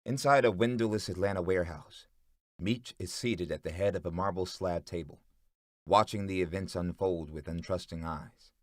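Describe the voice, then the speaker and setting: A man reads an audiobook in a steady, dramatic storytelling voice. His pitch is very low and the recording is dry and close. He builds scenes at an even pace. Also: moderate pace, no room sound. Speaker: narrator. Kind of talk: audiobook narration.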